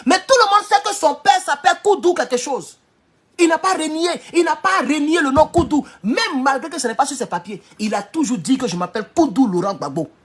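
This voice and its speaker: A man giving a heated political monologue, hammering rhetorical questions and sometimes shouting. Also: very high-pitched, expressive, brisk. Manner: emphatic, repeats rhetorical questions, bursts into shouting. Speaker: political commentator.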